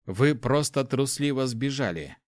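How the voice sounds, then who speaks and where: A man's voice: mid-range voice, expressive, unhurried, a little mellow, no room sound, clean studio sound, close to an everyday voice. A man voicing an angry young male mage in an audiobook, blunt and clipped. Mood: curt. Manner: curt, clipped. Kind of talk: audiobook character voice.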